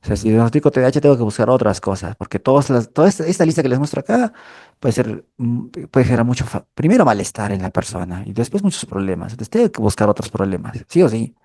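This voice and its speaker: Mellow-voiced man giving a clinical lecture. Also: medium pitch, big pitch swings, fast talker, no room sound, studio quality. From Peru. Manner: explanatory, frequent checking tags like "¿ya?". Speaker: lecturer in a mental health course.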